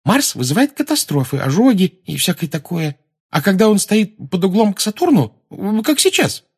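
A man reading an audiobook voices an eager, timid schoolgirl who asks excitable, breathless questions. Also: high-pitched, normal speed, breathy edge, voice pushed up. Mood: excited. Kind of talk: audiobook character voice.

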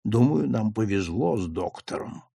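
A man voicing a big, businesslike police officer who speaks quietly and matter-of-factly. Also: on the low side, sing-song, normal speed, vocal fry, dry recording, clean studio sound, exaggerated voice.

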